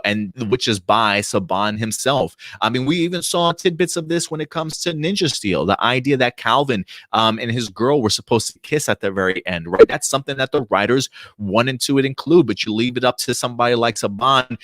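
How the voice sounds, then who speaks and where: A podcast co-host in his late thirties chats on a casual livestream, reading out viewer comments with lots of fillers and restarts. His medium-pitched, fairly bright voice moves at normal speed with few pauses, and the studio sound is clean with no room sound.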